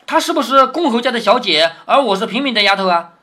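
A proud, touchy young noblewoman, read by a man in a storybook reading, throwing out cold, reproachful retorts. Her pitch swings widely from line to line, and she sounds sharp-tongued and easily hurt. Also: animated, fast talker, heavily acted. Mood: indignant.

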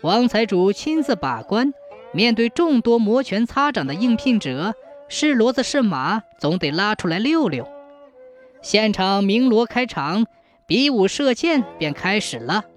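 Storyteller, folk tale narration, animated pitch, faint background music. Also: a little slow. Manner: lively, expressive storytelling.

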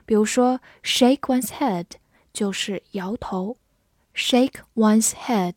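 A woman teaching English vocabulary, spelling words letter by letter and repeating them slowly for learners. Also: mid-range voice, a little mellow, no room sound, studio quality. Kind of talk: vocabulary lesson.

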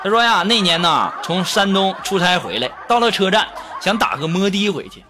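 Animated male joke-show host. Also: sits high, normal speed, background noise. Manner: lively storyteller, acts out quoted lines. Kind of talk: comedic joke-reading radio show. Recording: music bed behind voice.

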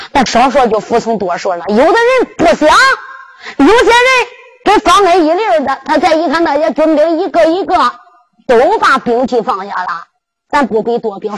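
Animated Henan ballad storyteller. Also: sits high, low-quality recording. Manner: animated, addresses listeners directly.

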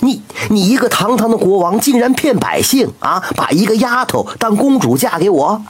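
A man doing a high, cocky little frog. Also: very animated, normal speed, breathy edge, exaggerated voice. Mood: indignant. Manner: chirpy, bold and sure of himself. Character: cheeky young frog who wants a princess.

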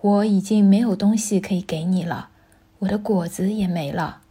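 A woman voicing a gentle, loving tree in a children's storybook reading, speaking softly and tenderly. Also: medium pitch, normal speed, breathy edge. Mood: apologetic.

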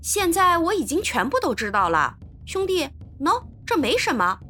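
A woman voicing a hot-tempered, loyal young male servant in a storybook reading, speaking in loud indignant outbursts. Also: very high voice, big pitch swings, normal speed, faint music behind, heavily acted. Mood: impatient.

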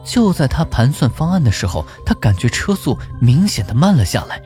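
A man narrating a folk ghost story in an expressive, suspenseful way. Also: mid-range voice, a little fast. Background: faint music.

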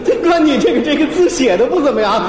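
A man's voice: extremely high pitch, animated, quick pace, crowd noise. A man performing stage crosstalk comedy, slyly quizzing his partner with teasing riddles. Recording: echoey hall with faint hiss.

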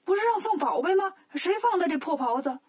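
A grumbling, short-tempered king, as a woman narrator puts him on in a children's storybook. He blusters and complains in a high, breathy voice. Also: brisk, a little mellow. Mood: angry.

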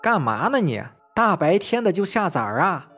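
A man's voice: high-pitched, big pitch swings, moderate pace, fairly bright tone, breathy edge, faint music behind, pitched above the performer's own voice, heavily acted. Man voicing a brash bossy servant. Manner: mocking, bossy to underlings. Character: bossy servant, fawning to master.

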